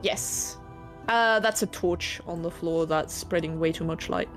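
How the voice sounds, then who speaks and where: A woman game master narrating a tabletop game casually and haltingly, as if thinking aloud. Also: lowish voice. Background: background music.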